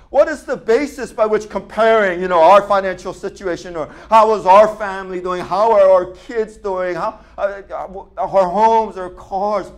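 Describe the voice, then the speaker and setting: A middle-aged man preaching a sermon in a conversational, storytelling way, often trailing off to a near-murmur at the ends of phrases. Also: sits high. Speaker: pastor.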